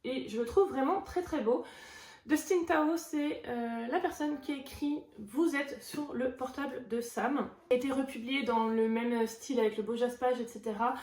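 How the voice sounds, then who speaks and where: A woman's voice: high voice, normal speed, a little mellow, reverberant. A woman chatting casually about books she received, enthusiastic, with lots of fillers and repeated words. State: recovering from bronchitis. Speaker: book vlogger. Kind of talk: casual book haul chat.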